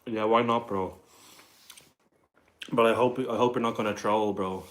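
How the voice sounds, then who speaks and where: A man's voice: lowish voice, steady tone, unhurried, a little hiss or hum. A man with a Dublin Irish accent hosting a casual livestream, reading viewer questions aloud and answering them with lots of "like" and "bro". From Ireland. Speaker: livestream host.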